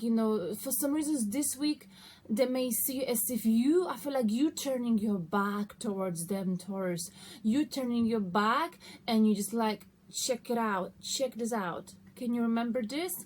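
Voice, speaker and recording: A woman giving a casual, conversational tarot reading, often checking in with her listeners. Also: on the high side. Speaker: tarot card reader hosting an online reading. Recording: noticeable background noise.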